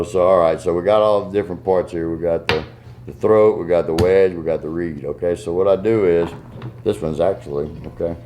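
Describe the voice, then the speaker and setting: A man's voice: sits low, warm tone, slight background noise. A man with a Southern US accent giving a casual hands-on tutorial in a folksy, step-by-step way. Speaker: goose call maker giving a tuning demonstration.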